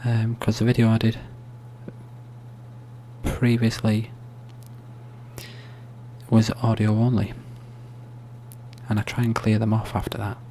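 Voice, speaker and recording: A soft-spoken man giving an ASMR-style screen tutorial, explaining steps in a hushed, unhurried, informal way. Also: lowish voice, monotone. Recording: faint hum and background noise.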